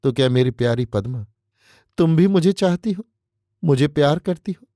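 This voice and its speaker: A man's voice: fairly high pitch, lively intonation, moderate pace, dark tone, no room sound, clean studio sound, lightly acted. A male narrator voicing a scheming young man who confesses devotion in flowery, pleading words, read as an audiobook character. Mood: impassioned.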